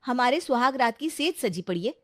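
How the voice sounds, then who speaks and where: A woman voicing a spoiled, demanding young bride in a cartoon who complains in a shrill way. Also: lively intonation, normal speed, no room sound, studio quality, natural voice. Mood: whiny complaining. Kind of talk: cartoon voice acting.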